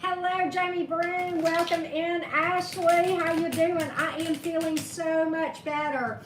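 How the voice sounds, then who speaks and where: On a live stream, a tarot reader with a high, faintly hoarse voice greets her viewers one at a time in a relaxed, chatty way, laughing at her own cheesy jokes. She speaks slowly. The room is echoey, with steady background noise clearly audible.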